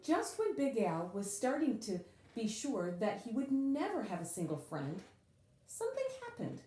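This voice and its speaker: A woman with a fairly high, mellow voice reads a picture book aloud for children. Her delivery is expressive and dramatic, rising and falling widely, with drawn-out emphasis on important words. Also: reverberant. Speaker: storyteller reading aloud.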